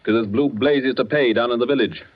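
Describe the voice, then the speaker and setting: An actor playing a brisk, skeptical country doctor in a 1940s radio drama, talking in a breezy, dismissive way. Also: male voice, medium pitch, lo-fi sound, lightly acted.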